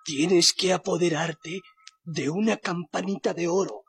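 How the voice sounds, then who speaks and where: Children's audio adventure: wise, frail old Chinese helper, solemn, unhurried, raised pitch. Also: male voice, gravelly, breathy edge, exaggerated voice. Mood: solemn, helpful. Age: older.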